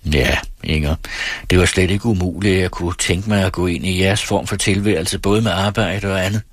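A brooding, earnest man of thirty-one from a storybook, speaking in a measured, hushed way, voiced by a man. His voice is low and husky. It sounds dry and close. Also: steady tone, no room sound.

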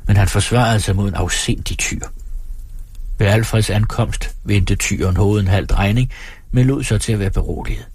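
Male audiobook narrator, husky and low, measured delivery, dry close mic. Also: dry recording. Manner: steady, measured reading.

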